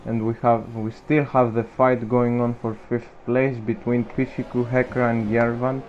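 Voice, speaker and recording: A man's voice: medium pitch, flat delivery, normal speed. Male motorsport commentator on muffled, noisy audio. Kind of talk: live motorsport commentary, calling overtakes play by play. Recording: muffled lo-fi audio with background noise.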